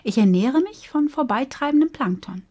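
Woman reading as a cheerful little fish in a storybook, higher and lighter than the narrator, quick and carefree. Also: lively intonation. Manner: bright, chirpy and carefree.

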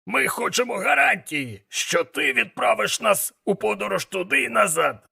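A man voicing a blunt, demanding male demon mentor in an audiobook, gravelly and commanding. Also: sits high, lively intonation, moderate pace, pushed and bright, voice pushed up, heavily acted.

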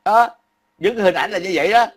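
A man's voice: high-pitched, fast talker, a loud crowd. A man, ranting angrily and profanely about politics on a livestream, repeating himself and grumbling that he is worn out. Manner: angry, profane, repetitive ranting. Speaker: livestream commentator. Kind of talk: heated political rant.

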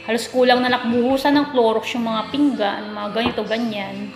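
A woman in her thirties working abroad as a domestic worker vlogs to her phone camera, held at arm's length in her kitchen, grumbling about her job. Her voice is fairly high and quick with fairly even intonation, and she chats in Tagalog sprinkled with English. The kitchen echoes, and music plays in the background.

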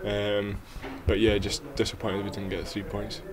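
A man's voice: lowish voice, monotone, normal speed, a crowd in the background. A young man, answering post-match interview questions with many ums and restarts. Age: 20s. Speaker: footballer. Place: small indoor press area before sponsor board.

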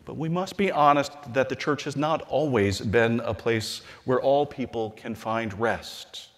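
A middle-aged man, a bishop, delivering a measured, earnest sermon-style address from a lectern in a large hall. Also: mid-range voice. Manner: measured and earnest, slowing and softening on scripture.

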